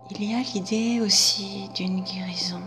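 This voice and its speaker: Woman hypnotherapist: hushed, very slow, bright tone, faint music behind. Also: medium pitch, fairly even intonation. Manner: soft, half-whispered, drawn out. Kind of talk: guided hypnosis session.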